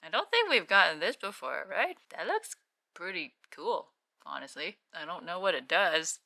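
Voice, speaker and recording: A woman giving casual, unscripted commentary as a card-opening host, moving between quiet murmurs and louder exclamations. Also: fairly low pitch, very animated, normal speed, vocal fry, dry recording, studio quality.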